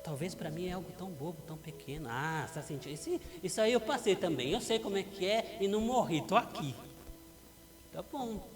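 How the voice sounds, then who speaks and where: Animated Brazilian preacher man, music behind. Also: high voice, brisk. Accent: Brazilian Portuguese. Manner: animated, acts out parents and teens. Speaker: pastor. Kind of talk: sermon. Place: church hall. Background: background music.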